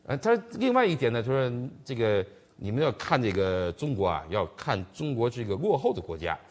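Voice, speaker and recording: A man's voice: mid-range voice, sing-song, brisk. A man co-hosting a commentary show, retelling events in a rambling way with many restarts and fillers. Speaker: co-host, commentator. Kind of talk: political commentary chat.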